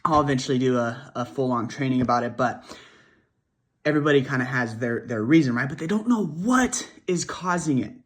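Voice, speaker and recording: A man's voice: medium pitch, expressive, brisk. A man, a weight loss coach, talking casually to his viewers while a bit congested from a cold, rambling and often checking in with "right?". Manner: rambling, repeats words, asks "right?" often. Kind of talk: casual talk to camera.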